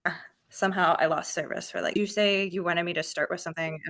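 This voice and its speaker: A woman with a low, gravelly voice speaks over a video call connection that keeps dropping out. Her words break up and vanish mid-phrase. Her tone is bright and tense as she keeps checking whether the others can hear her. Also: steady tone, fast talker. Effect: video call audio cutting out and dropping. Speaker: roundtable panelist. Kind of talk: online meeting conversation.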